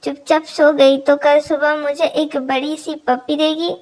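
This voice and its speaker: A woman's voice: high-pitched, little pitch movement, measured pace, a little mellow, poor audio. A woman doing a teasing, clingy young roommate. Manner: teasing, wheedling.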